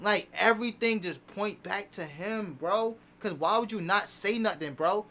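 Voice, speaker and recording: Man, streamer, very high pitch, excitable, repetitive, going hoarse. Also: measured pace. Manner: excitable, repeats himself emphatically. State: losing his voice from shouting. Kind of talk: live reaction commentary.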